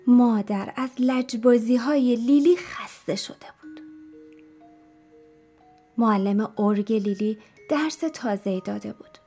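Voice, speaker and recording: A woman narrating a children's story in an expressive way, speaking straight to the young listeners. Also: a little high, faint music behind.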